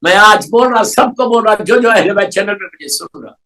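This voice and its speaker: A man's voice: high voice, lively intonation, bright, forceful tone, low-quality recording. A male preacher with a Pakistani Urdu accent giving a sermon, telling a story and then urging his listeners with rising passion, dropping English words into his Urdu. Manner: rises to impassioned exhortation. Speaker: Shia preacher.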